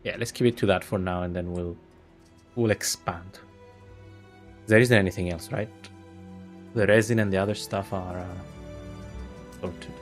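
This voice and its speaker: Faint music sits behind this low-voiced man, a gaming host whose native language is Greek. His gameplay commentary is casual, relaxed and unhurried, like he's thinking aloud.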